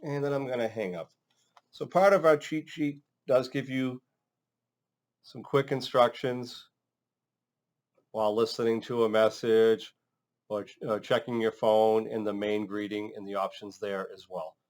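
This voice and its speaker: A man's voice: fairly low pitch, steady tone, unhurried, darkish tone. A man working as a trainer, narrating an instructional demonstration in a casual, step-by-step way. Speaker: phone system trainer.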